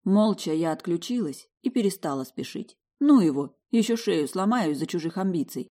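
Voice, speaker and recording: A woman giving a lively, expressive first-person audiobook narration. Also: on the low side, normal speed.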